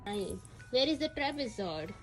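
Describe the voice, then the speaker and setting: A woman's voice: fairly high pitch, sing-song, normal speed, over loud music, poor audio. A woman talking to a toddler in simple, encouraging words as if reading to one, teaching shapes and colors as a mother at play.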